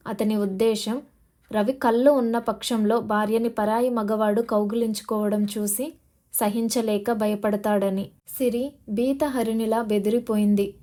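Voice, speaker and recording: A woman narrating an audio novel in a steady, expressive reading style. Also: on the high side, measured pace.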